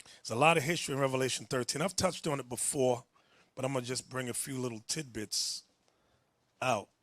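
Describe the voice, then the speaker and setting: A man's voice: medium pitch, fairly even intonation, a little fast, a bit bright, no echo. A man preaching and teaching from the Bible, emphatic and direct, telling a reader when to go on.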